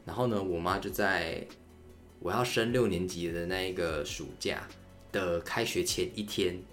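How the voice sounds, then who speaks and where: A man's voice: deep voice, measured pace, fairly bright tone, soft background music. A young man, hosting a podcast and telling a story in a candid, rambling, chatty way. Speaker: podcast host. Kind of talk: casual solo storytelling.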